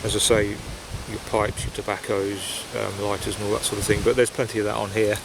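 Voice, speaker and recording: Gravelly and lowish, the voice of this pipe-smoking vlogger keeps a level tone and a brisk pace. He muses casually among the trees, hesitating and drifting from thought to thought, while wind and leaves rustle over a basic, wind-affected recording.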